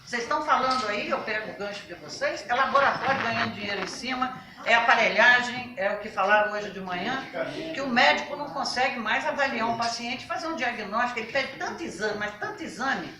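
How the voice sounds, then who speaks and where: A woman on a national health council gives an emphatic talk to a workshop, asking rhetorical questions and speaking loudly. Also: on the high side, expressive, a little fast, hardly any pauses, a crowd in the background. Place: workshop meeting room. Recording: roomy, from a distance.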